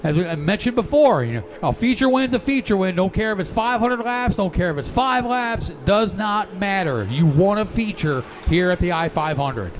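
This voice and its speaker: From a broadcast booth at a racetrack, a male race announcer delivers live motorsport commentary in a proclaiming, track-announcer style, with background noise from the outdoor race. His high voice is expressive, at normal speed with few pauses.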